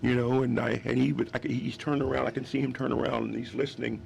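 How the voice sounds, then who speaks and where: A man's voice: medium pitch, level tone, quick pace, gravelly, a little mellow, slight background noise. A man in his fifties from West Virginia telling stories as a guest on a radio interview, rambling and restarting his sentences often. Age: 50s. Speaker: guest musician.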